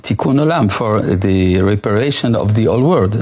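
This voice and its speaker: A man explaining his view calmly, with deliberate, halting phrasing. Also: mid-range voice.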